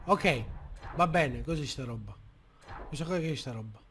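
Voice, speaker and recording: A young man doing let's-play commentary, loud and excitable, often shouting and swearing. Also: medium pitch, normal speed, a little hiss or hum. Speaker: gamer.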